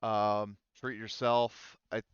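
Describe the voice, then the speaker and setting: A man with a fairly low, even voice speaks slowly and smoothly, with no echo, as he runs a casual online tabletop role-playing game. As game master he explains things in hesitant fragments. The audio is dull and a little muffled.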